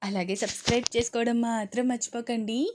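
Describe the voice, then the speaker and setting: A woman's voice: fairly high pitch, steady tone, quick pace, noisy background. A woman narrating a serialized romance audio story, voicing all the characters herself.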